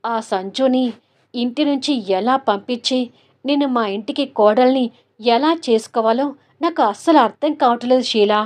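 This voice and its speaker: A woman's voice: a little high, moderate pace, darkish tone, natural voice. A woman voicing a worried middle-aged mother who plots against her daughter-in-law. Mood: fretful.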